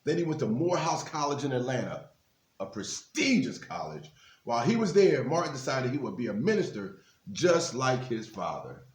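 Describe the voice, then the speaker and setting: With a mid-range voice whose pitch swoops wildly, a man reads a children's book at a moderate pace, stopping for informal, encouraging asides to the kids. He's a guest reader for a basketball team's literacy program, recorded in an echoey, reverberant room with a little hiss or hum.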